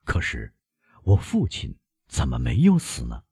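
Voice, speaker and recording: A man reading an audiobook, voicing a shaken middle-aged prosecutor who begs in a hushed, faltering voice. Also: rumbling low, wildly swooping pitch, unhurried, creaky, breathy edge, dry recording, pitched below the performer's own voice, heavily acted. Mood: pleading.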